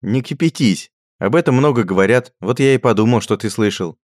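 A man voicing a mocking, jokey young male friend who talks loud, teasing and lively. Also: medium pitch, brisk, no room sound, clean studio sound, pitched above the performer's own voice, close to an everyday voice.

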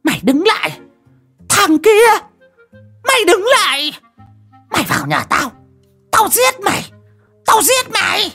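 A man's voice: very high voice, huge pitch swings, unhurried, long pauses, bright, forceful tone, faint music behind, voice pushed up, heavily acted. A man voicing a frenzied, possessed old woman who shrieks threats. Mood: murderous shrieking.

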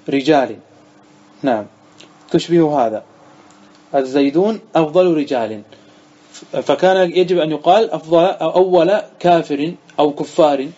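Sheikh teaching grammar, quizzing students. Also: male voice, fairly high pitch, mellow, highs cut off. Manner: reads the text aloud then explains, quizzing students who answer. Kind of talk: classroom lesson reading and explaining a text.

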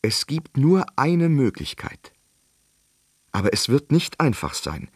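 A man's voice: mid-range voice, big pitch swings, slow, a little mellow, slightly rough, no echo, studio quality, voice pushed up, heavily acted. A man doing a nervous storybook wizard. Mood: explaining. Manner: anxious, reassuring, explanatory. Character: nervous, fussy old male wizard.

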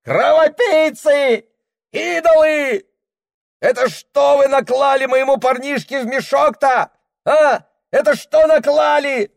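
A bellowing enraged peasant. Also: male voice, very high-pitched, slow pace, creaky, no room sound, studio quality, voice pushed up, heavily acted. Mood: enraged shouting. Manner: bellowing, outraged yelling. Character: furious peasant man in bast shoes.

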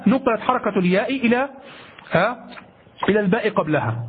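A man's voice: high-pitched, slightly rough. A man giving a grammar lecture, repeating his phrases, asking rhetorical questions and checking his listeners with "ha?". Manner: self-correcting, asks rhetorical questions. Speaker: grammar teacher. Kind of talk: classroom lecture on Arabic grammar. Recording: tinny lo-fi phone-like recording.

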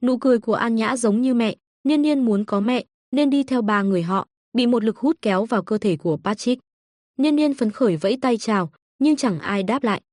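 A woman narrating an audiobook in a steady, even storytelling manner. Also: on the high side, fairly quick, no echo, studio quality.

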